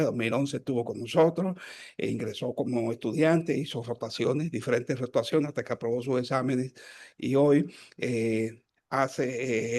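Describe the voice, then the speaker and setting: A man's voice: mid-range voice, a little mellow. A man hosting a health program over a video call, making long announcements with many fillers and self-corrections. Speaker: host.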